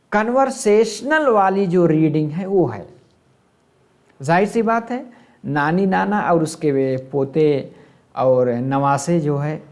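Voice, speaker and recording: A man's voice: on the high side, darkish tone. A man teaching an exam-prep lesson, asking questions and answering them himself and glossing terms in English.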